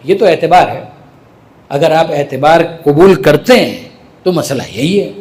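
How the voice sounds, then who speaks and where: A man's voice: fairly high pitch, lively intonation, a little mellow. A man with a Pakistani Urdu accent giving a sermon in a mosque hall, posing rhetorical questions and using everyday examples. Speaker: Shia cleric giving a majlis sermon.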